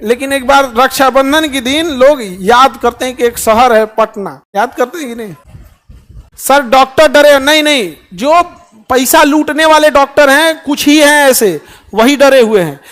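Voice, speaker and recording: A man's voice: very high-pitched, moderate pace, a bit bright. A man with a Bihari Hindi accent giving an emphatic motivational speech to students, often asking the audience questions. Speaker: speaker addressing students.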